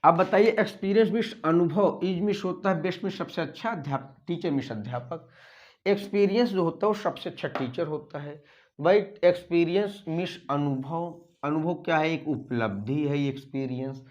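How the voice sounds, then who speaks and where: A fairly high-pitched male voice, with the highs cut off in the recording, leads an exam-prep grammar lesson. Explaining slowly, he quizzes the class, repeats himself, and spells out English words letter by letter as he dictates them.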